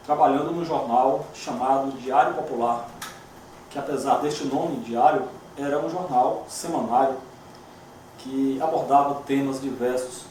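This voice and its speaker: A man, a journalist and lawyer, giving a measured, reflective documentary interview. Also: medium pitch, darkish tone, slight background noise. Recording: very echoey room, distant mic.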